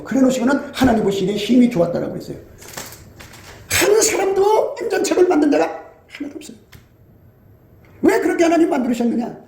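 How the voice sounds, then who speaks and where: High gravelly guy preaching fast, scolds the crowd, echoey room. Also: mellow. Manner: emphatic, scolding, with acted-out quotes. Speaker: pastor. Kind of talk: sermon.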